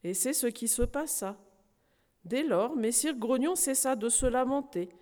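Slow, expressive woman reading aloud. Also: on the high side. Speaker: preacher reading a story. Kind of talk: storybook reading to a congregation. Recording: reverberant hall.

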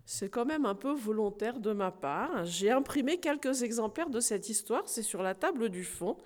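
A woman reading a storybook aloud to a congregation, slow and unhurried. Her voice sits fairly high and moves with lively melody. A long hall reverb trails every phrase.

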